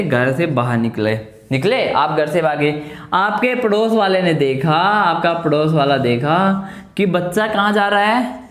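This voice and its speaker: A male biology teacher giving an exam-prep lecture, asking his class questions and answering them himself, repeating key terms and using homely examples. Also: sits high. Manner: explains with homely everyday examples in a coaxing tone. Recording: echoey room.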